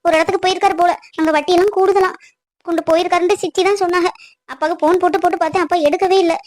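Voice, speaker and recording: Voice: very high-pitched, fairly even intonation, very fast, no room sound. A performer voicing a worried young bride-to-be in a cartoon, speaking in a pleading, anxious way. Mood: upset. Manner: pleading, anxious, breaks into tears. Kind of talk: cartoon voice acting.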